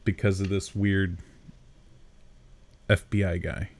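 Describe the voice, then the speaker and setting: A man's voice: deep voice, flat delivery, slow pace, a little mellow. A man casually chatting as a podcast co-host, recapping a film and poking fun at its dated details. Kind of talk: casual chat recapping a movie.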